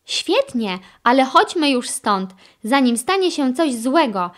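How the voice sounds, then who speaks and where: A woman plays a jumpy young boy in a children's storybook, pitched far above her own voice and swinging widely as he frets. His words come as anxious, urgent warnings. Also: very animated, slow pace, full character voice. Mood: alarmed. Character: nervous young boy, fearful of legends. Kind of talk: children's audiobook character voice.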